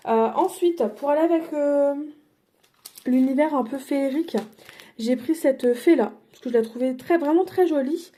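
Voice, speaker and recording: A woman's high-pitched, warm voice moves at normal speed as she shares her craft purchases in a casual haul. The crafting vlogger sounds talkative but hesitant, frequently using fillers and correcting herself.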